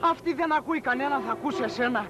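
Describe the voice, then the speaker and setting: Henpecked husband, weary, pleading, very high voice. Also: male voice, over music. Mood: exasperated. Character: exasperated, henpecked middle-aged husband.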